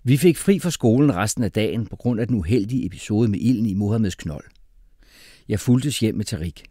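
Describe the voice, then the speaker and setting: Animated male storybook narrator. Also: lowish voice, breathy edge, dry recording, clean studio sound. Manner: animated, expressive reading. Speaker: audiobook narrator. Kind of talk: first-person storybook narration.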